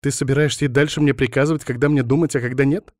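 A man voicing a quiet, anxious young woman who is stubborn under pressure. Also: mid-range voice, steady tone, fast, no echo, clean studio sound, voice pushed up, close to an everyday voice. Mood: defiant.

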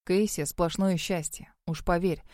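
A good-natured young man under a curse, not fully human, as a woman reader plays him. He answers in a relaxed, teasing way, a little lower than the narration. The voice sounds dry and close. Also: normal speed, dry recording, close to an everyday voice. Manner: easygoing, cheeky.

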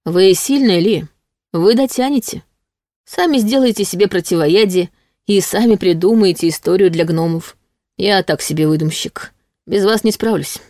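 A woman reading the lines of a protective, teasing male demon in an audiobook, speaking in a low, insistent way. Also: moderate pace, warm tone, no room sound, studio quality, lightly acted. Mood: reassuring.

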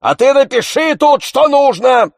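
A man playing a loud, bullying freeloader. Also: medium pitch, sing-song, slow pace, no room sound, clean studio sound, pitched above the performer's own voice, full character voice. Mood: bellowing. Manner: loud, shouting, demanding. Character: coarse blustering middle-aged male freeloader.

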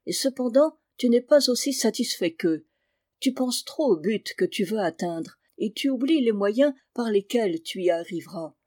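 A woman's voice: fairly high pitch, animated, moderate pace, darkish tone, no echo, studio quality. A woman voicing a stern village schoolmaster lecturing a pupil. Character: stern moralizing village schoolmaster, older man.

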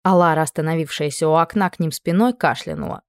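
Woman narrating a fairy tale audiobook, measured and even, lowish voice, dry. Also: clear, resonant tone, dry recording. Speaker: audiobook reader. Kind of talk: scripted fantasy narration.

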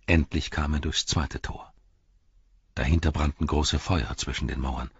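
A man reading a story aloud in a measured, grave way. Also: rumbling low, steady tone, slightly rough, no room sound. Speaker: audiobook narrator. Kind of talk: scripted narration. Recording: dull, dry recording.

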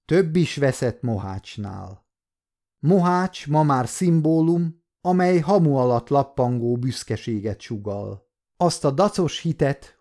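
Guy narrating an audiobook, mid-pitched voice, calm steady reading. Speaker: audiobook reader.

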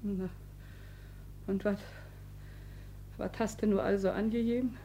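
A woman's voice: mid-range voice, steady tone, unhurried, dark tone, lightly acted. An actress playing a desperate, menacing middle-aged cleaning woman, who switches between coaxing and threatening, in 1950s radio play style. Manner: coaxing, then threatening, muttering under her breath.

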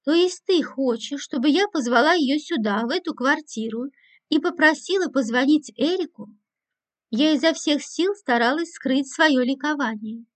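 Woman audiobook narrator; first-person, ironic, high-pitched. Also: normal speed. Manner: dry and ironic.

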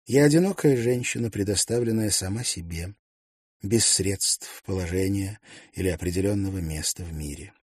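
A man voicing a lonely young gentlewoman who speaks gently but decisively, in an audiobook. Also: low-pitched, normal speed, husky, no echo, clean studio sound. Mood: earnest kind. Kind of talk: audiobook character voice.

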